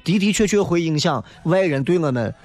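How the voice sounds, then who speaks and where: A fairly high-pitched man speaks with a Shaanxi Guanzhong accent. He rants humorously as a show host, animated and colloquial, firing off rhetorical questions. Light music plays behind him. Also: fairly quick, no echo. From Shaanxi, China. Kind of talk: humorous ranting monologue.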